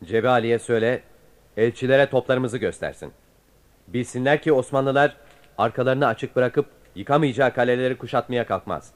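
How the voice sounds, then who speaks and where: An actor playing a resolute, imperious sultan in a radio play, giving orders in a declamatory way. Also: male voice, medium pitch, moderate pace, natural voice. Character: commanding, resolute young Ottoman sultan.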